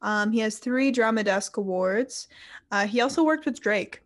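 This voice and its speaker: Chatty young woman with a higher voice. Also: normal speed. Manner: chatty, laughs often, uses "like" a lot. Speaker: podcast co-host. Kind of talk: casual chat.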